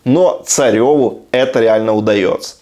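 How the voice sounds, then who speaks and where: A man's voice: medium pitch, normal speed, dark tone. A man in his thirties from Ukraine giving sardonic, incredulous commentary as a video blogger, recorded in a room at home. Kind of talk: sarcastic commentary on TV clips.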